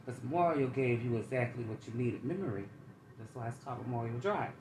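A woman co-hosting a podcast in casual chat, blunt and quick to hold the floor. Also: very deep voice, expressive. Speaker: podcast co-host. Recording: echoey room with faint ambient noise.

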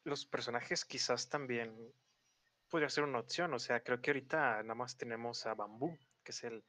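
A man, a game developer chatting casually on an online call in a relaxed way. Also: medium pitch, moderate pace, dry recording.

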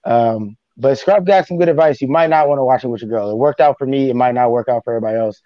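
A man of medium pitch hosts a casual podcast chat. The recording is very dry and close, with slightly dulled top end. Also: fast, no echo. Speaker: podcast host. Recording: dry, slightly dull sound.

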